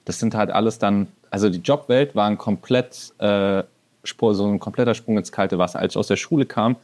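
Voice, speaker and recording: A man in his twenties co-hosting a podcast, talking in a relaxed, colloquial way. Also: on the low side, fairly quick. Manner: relaxed, colloquial, often says "Junge". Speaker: podcast co-host. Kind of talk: casual podcast chat.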